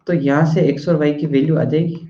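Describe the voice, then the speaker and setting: A male teacher with a fairly high, mellow voice talks his class through problems in a chatty manner. He keeps checking whether they follow and now and then scolds them bluntly. The sound is roomy and slightly muffled. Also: fairly even intonation, moderate pace. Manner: chatty, keeps asking "okay?" after each point. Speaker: math and physics teacher. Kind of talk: classroom lecture in Hindi-English mix. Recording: echoey room, dull lo-fi sound.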